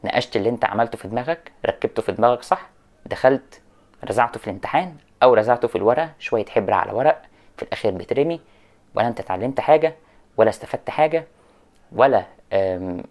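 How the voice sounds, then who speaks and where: A man with an Egyptian Arabic accent talking straight to students, lecturing with animated mock examples of English phrases. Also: mid-range voice, fast. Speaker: education vlogger. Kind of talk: direct-address rant to students.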